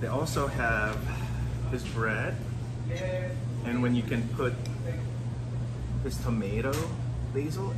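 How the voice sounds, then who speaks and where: A man in his forties vlogging a meal in a small restaurant, enthusiastic and savoring every bite. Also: mid-range voice. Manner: enthusiastic, savoring food with drawn-out exclamations. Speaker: food vlogger. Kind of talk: casual food vlog. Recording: restaurant noise behind.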